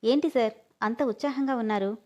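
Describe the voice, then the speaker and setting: Woman voicing a spirited quick-tongued young woman. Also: on the high side, dark tone, lightly acted. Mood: sharp.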